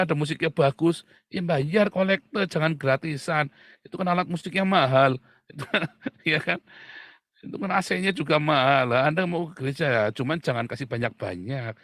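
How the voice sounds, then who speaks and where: A middle-aged man preaching a casual, joking sermon, dropping to low murmurs and then shouting out loud. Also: no room sound, clean studio sound. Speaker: pastor.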